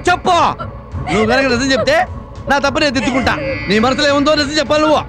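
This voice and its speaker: A high-voiced bossy politician husband, nags and lectures his wife, film score under it. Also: very fast, over music. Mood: teasing. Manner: nagging, lecturing, mock-pleading. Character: bossy middle-aged husband, local politician. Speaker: film actor. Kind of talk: Telugu film comedy acting. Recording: film soundtrack with background score.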